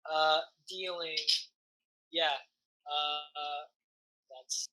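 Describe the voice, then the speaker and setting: A woman runs a tabletop game as game master, narrating in a slow, halting, improvised way. Her voice is very bright and forceful, sitting a little low for a woman. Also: fairly even intonation, soft background music, rough recording. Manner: halting, deliberate storytelling.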